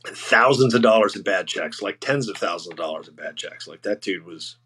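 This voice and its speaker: A man's voice: low voice, animated, bright, forceful tone, slightly rough. Laughing, foul-mouthed retired army man. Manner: laughing, profane, halting with restarts. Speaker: guest, retired army sergeant. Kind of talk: casual chat.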